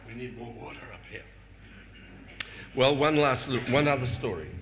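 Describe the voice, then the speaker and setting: An older man telling personal anecdotes to a festival audience, chuckling often and stumbling over repeated words when he gets excited. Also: mid-range voice, moderate pace, gravelly. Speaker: speaker sharing personal memories. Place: festival hall before a live audience. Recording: reverberant hall with faint ambient noise.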